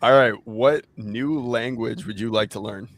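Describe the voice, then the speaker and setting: A man's voice: mid-range voice, no echo. A Canadian man hosting a podcast, upbeat and joking as he leads the chat. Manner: upbeat, joking, quick to laugh. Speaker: podcast host. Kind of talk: casual chat and read ad spot.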